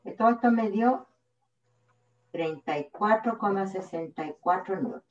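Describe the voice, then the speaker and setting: A woman's voice: medium pitch, lively intonation, moderate pace. A woman with a Chilean accent, teaching physics step by step to a class. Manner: patient, step-by-step explaining. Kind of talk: classroom lecture at the board. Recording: echoey room, distant mic, dull sound.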